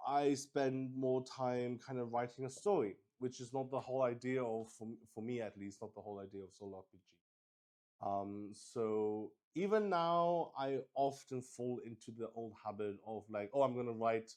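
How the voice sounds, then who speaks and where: This mid-range, darkish male voice belongs to someone streaming a solo roleplaying game, talking through his thoughts while explaining it. He speaks haltingly and often hunts for the right word.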